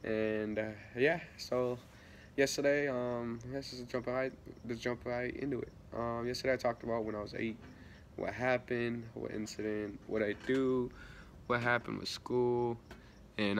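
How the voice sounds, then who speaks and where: A teenage vlogger who's a little sick rambles through a casual story, full of fillers, restarts and soft laughs. His voice is medium-pitched, with a bit of hiss or hum in the recording.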